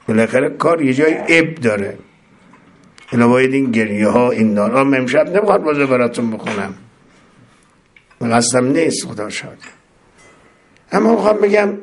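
Male cleric, sermon, impassioned, loud rises and hushed drops, chanted supplications, mid-pitched voice. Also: lively intonation, long pauses, slight background noise. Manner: impassioned, swings between loud emphatic rises and low soft passages; chants Arabic supplications then translates them. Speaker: cleric preacher.

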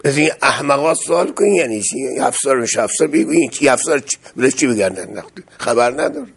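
A man's voice: mid-range voice, lively intonation, breathy edge. A man preaching an impassioned religious sermon, building to emphatic outbursts.

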